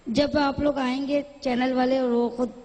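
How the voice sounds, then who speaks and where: A woman's voice: high-pitched, flat delivery, unhurried, a little mellow. A woman speaking as a guest on a live show, explaining earnestly. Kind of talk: studio conversation. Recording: echoey hall, faint noise.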